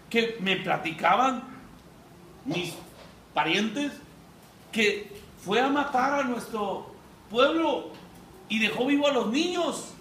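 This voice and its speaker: A man's voice: very high-pitched, fairly bright tone, distant mic, slight background noise, exaggerated voice. A man voicing a young Amalekite man who boasts of killing a king, recorded in an echoey hall away from the mic.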